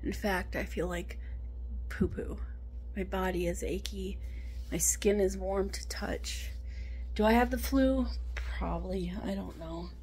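A young adult woman records a casual diary on a handheld phone at home. She sounds unwell, with a swollen sore throat. Her delivery is slow, at a middling pitch, and often drops to a breathy mutter. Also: a little mellow, slight background noise, poor audio. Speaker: vlogger. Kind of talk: casual video diary chat. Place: small rooms at home. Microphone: handheld phone at arm's length.

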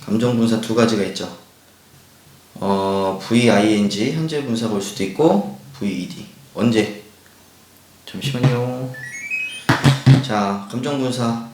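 A man's voice: fairly low pitch, darkish tone, faint music behind. Man teaching grammar in a roomy space. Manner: explains step by step, asks rhetorical questions; reads English sentences slowly and carefully. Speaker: English teacher. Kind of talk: recorded grammar lecture.

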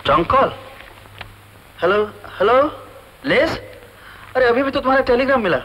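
A man's voice: extremely high pitch, lively intonation, normal speed, lo-fi sound, a little hiss or hum. An actor in his thirties playing an earnest, concerned young police officer with urgent delivery in a film drama.

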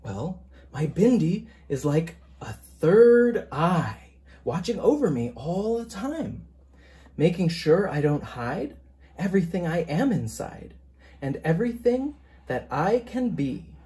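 The picture book reading continues with the same mid-pitched voice, the teacher lingering expressively over each line in a soft, deliberate, sing-song way.

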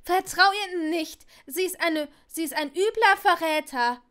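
A fiery, bossy teenage girl, as a woman reader puts her on for an audiobook. She scolds in shrill, sharp bursts, pitched very high and pushed loud. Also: moderate pace, close to an everyday voice. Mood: exasperated.

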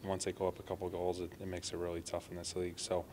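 A man's voice: low-pitched, monotone, quick pace, background noise. A man in his thirties, a hockey player, speaking earnestly to reporters after a game, with many "you know" fillers. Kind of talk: post-game media interview. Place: arena press room.

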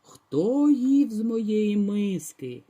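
A big, fearsome father bear from a children's storybook, as a woman puts him on. He roars his words slowly and loudly, with a mellow, breathy tone. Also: mid-range voice, big pitch swings, lo-fi sound, heavily acted. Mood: roaring. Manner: slow roaring.

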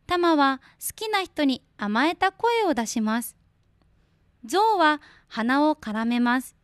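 A woman hosting a morning community radio show. She chats with listeners and reads a picture book aloud in a gentle, friendly way. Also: sits high, no room sound, clean studio sound. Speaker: radio host. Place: radio studio.

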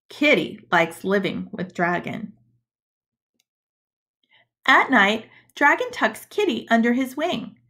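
Indoors on a webcam screen recording, a schoolteacher reads a picture book aloud to her pupils. Her fairly bright voice sits a little high and swings widely in pitch. She goes slowly, deliberately and expressively, for her young audience.

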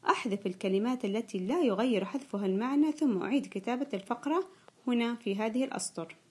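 A woman playing a primary school teacher leads an online grammar lesson. She draws out key words slowly and says them twice. She quizzes the children and praises each answer. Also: fairly high pitch, darkish tone, breathy edge. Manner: slow, drawn-out repetition of key words; frequent praise and quiz questions to pupils.

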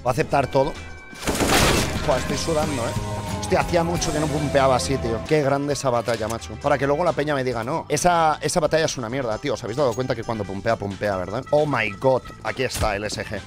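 A young man from Spain with a Spanish accent, commentating his gaming and breaking into loud cheers, his voice going hoarse. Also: mid-range voice, fast talker. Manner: excitable, bursts into loud cheering and shouting. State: losing his voice. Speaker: gaming streamer. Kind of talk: excited gameplay commentary. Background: background music.

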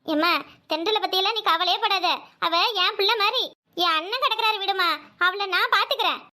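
Earnest cartoon teen girl, very high and bright, southern Tamil Nadu accent, pleading, as a woman voices her. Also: fairly quick. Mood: soothing. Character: earnest teenage schoolgirl, top student. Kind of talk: cartoon voice acting.

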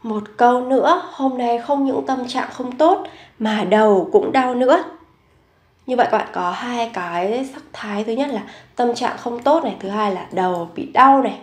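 A woman's voice: a little high, echoey room. Patient woman teaching a language lesson. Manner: slow, careful explanations with quick model sentences. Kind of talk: grammar lesson explaining example sentences.

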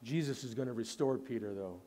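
A male pastor preaches earnestly and conversationally at a fairly quick pace. He retells scenes with drama, letting his voice fall soft and low at the end of phrases.

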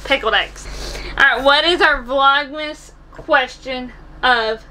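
An American woman in her twenties hosts a casual cooking vlog from a small camper kitchen indoors, speaking slowly. Her high, bright, forward voice is recorded on a camera with poor audio and light background noise.

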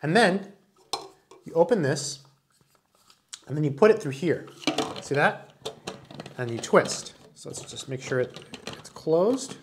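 A man in his forties with a slightly high voice chats through a casual product review. He sounds enthusiastic and hands-on, demonstrating as he talks, recorded close on a camera mic in a small room. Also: expressive, takes it slowly, pauses often, noisy background. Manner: chatty, enthusiastic, demonstrating while talking. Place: small indoor room with wood-panel wall.

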